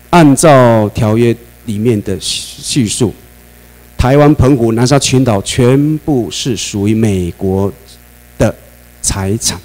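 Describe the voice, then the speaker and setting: A man with a Taiwanese Mandarin accent giving a classroom lecture, animated, often asking the class questions and laughing. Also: mid-range voice, low-quality recording. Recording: mains hum under the voice.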